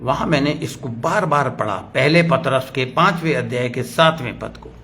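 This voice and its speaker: A middle-aged man with an Indian accent preaching a sermon, spelling out words slowly like a teacher and mixing in English phrases. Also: mid-range voice, a bit bright, a little hiss or hum. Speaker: pastor.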